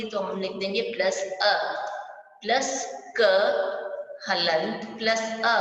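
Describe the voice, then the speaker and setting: In this online class, a female teacher with a mid-range, slightly bright voice guides young pupils through a language lesson, going step by step and regularly checking in with questions. Her voice comes from a distance in a highly reverberant room with lingering echo, giving a rather muffled sound.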